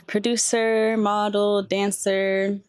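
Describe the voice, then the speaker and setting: A woman's voice: medium pitch, level tone, takes it slowly, a little mellow, clean tone, dry recording. A woman with a mid-range voice lists her art forms with eager emphasis. The sound is close and dry, with no room around it. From Massachusetts. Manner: enthusiastic, emphatic. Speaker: vocalist and producer. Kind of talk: casual interview answers.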